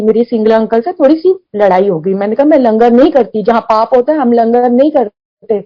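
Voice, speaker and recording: A woman's voice: a little high, muffled recording. A middle-aged woman earnestly telling her own devotional testimony, acting out the dialogue as she goes. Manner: earnest, emotional retelling with quoted dialogue. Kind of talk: personal testimony storytelling.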